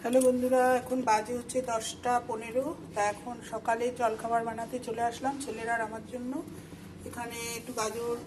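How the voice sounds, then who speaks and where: A woman's voice: on the high side, little pitch movement, moderate pace, noisy background. Homely woman chatting while cooking. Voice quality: chatty, homely, explains each step. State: sore throat. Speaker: vlogger. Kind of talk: casual cooking vlog narration. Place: home kitchen.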